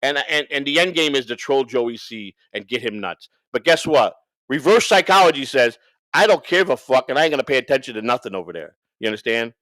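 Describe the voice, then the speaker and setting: Expressive and fairly quick, a mid-range, slightly bright male voice comes through a dry recording on a livestream. The co-host riffs without a script, cursing, wandering between topics and repeating himself for emphasis.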